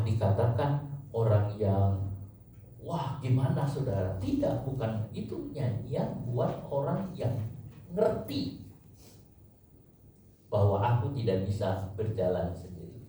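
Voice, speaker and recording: A man's voice: fairly low pitch, big pitch swings, slow pace, dark tone, a little hiss or hum. A man preaching a sermon as pastor, speaking emphatically and often addressing his congregation directly. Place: church hall. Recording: echoey church hall from far off, faint ambience.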